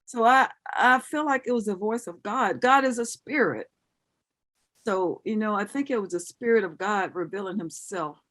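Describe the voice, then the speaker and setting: A woman's voice: mid-range voice, moderate pace, a bit bright. A middle-aged woman giving an earnest personal testimony as an interview guest, acting out remembered dialogue as she tells it.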